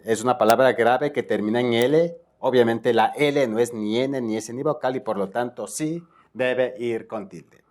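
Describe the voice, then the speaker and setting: A man's voice: medium pitch, a little mellow. A man from Ecuador teaching spelling in a video tutorial, explaining each rule step by step and often checking in with his viewers.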